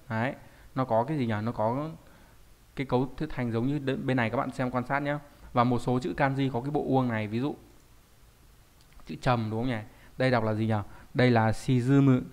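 A man's voice: mid-range voice, a little mellow. A man giving a recorded online lesson as a Japanese teacher, explaining patiently and often stopping to ask rhetorical check questions.

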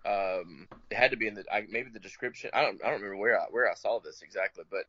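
A man's voice: fairly low pitch, fast talker, sharp tone, no echo, dull audio. A man from Alabama, chatting casually as a podcast co-host, easygoing and agreeable, often restarting his sentences. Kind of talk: casual chat.

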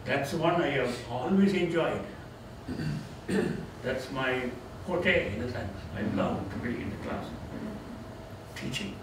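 Chuckling, reflective and gently self-deprecating, an older man with a Tamil accent delivers an informal farewell lecture with Q&A as a retiring theology professor. His mid-range voice is unhurried; a distant camera captures him in an echoey, medium-sized indoor seminar room with background noise.

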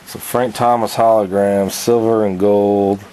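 A young man with a lowish voice talks offhandedly, listing items in a casual show-and-tell. He is recorded on a handheld camera in a cluttered basement room, with faint background noise under his voice. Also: flat delivery, unhurried, dark tone, poor audio. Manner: offhand, rattling off items with fillers. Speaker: collector showing his collection.

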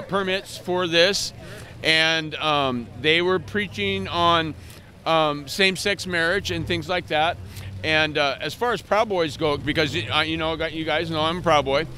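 An older man interviewed outdoors at a rally, answering haltingly with many fillers. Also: fairly high pitch, bright, forceful tone. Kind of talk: street interview. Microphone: handheld interviewer mic.

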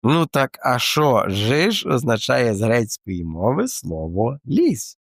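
A man's voice: medium pitch, very animated, takes it slowly, vocal fry, dry recording. A man presenting a casual explanatory talk in a colloquial, playful way with slangy asides, close to the mic.

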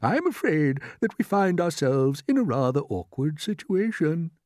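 A grand old male grasshopper from a storybook, acted out by a reader. He is affectionate and very polite, exclaiming in a lifted, animated voice with a dry, close sound. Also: mid-range voice, normal speed, no room sound, pitched above the performer's own voice, lightly acted. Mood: stately, reassuring. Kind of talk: storybook character voice.

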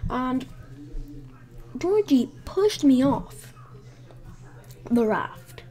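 At home, a woman tells a casual story, rambling and swearing with many fillers and sometimes dropping to a whisper because someone is asleep nearby. Her high voice is sing-song and dark in tone, with drawn-out words.

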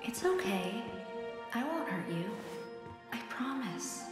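Soft-spoken ink creature, tearful and kind, high lively voice, slow, game music behind. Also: female voice. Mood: tender. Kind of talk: video game dialogue. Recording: faint game audio with music.

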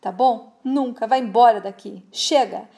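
A woman's voice: fairly high pitch, unhurried, dark tone. Woman voicing Kaique, a bitter betrayed father. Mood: accusing. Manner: accusing, rising indignation. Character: bitter, betrayed young father confronting his lover.

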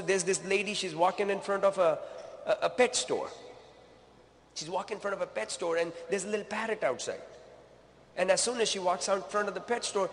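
A man giving a motivational business talk on stage, energetic and repetitive, calling the crowd "gang", in a large hall. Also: high-pitched, slight background noise.

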